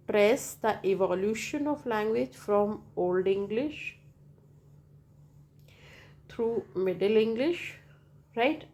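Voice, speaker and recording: Indian-accented woman teacher, slow and halting lecture delivery, repeats points and adds check-in tags. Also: medium pitch, creaky, darkish tone. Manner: halting, repetitive, often checks with "right?". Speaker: linguistics teacher. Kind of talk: lecture explanation.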